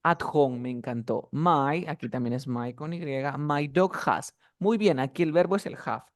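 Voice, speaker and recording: A man's voice: a little high, normal speed. Patient male teacher drilling words. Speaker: English teacher. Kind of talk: online class instruction.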